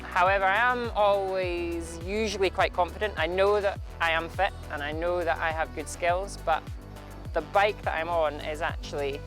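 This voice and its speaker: A man with a Highland Scottish accent speaking casually in an interview as an e-bike racer. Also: fairly even intonation, moderate pace, fairly bright tone. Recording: music behind the voice.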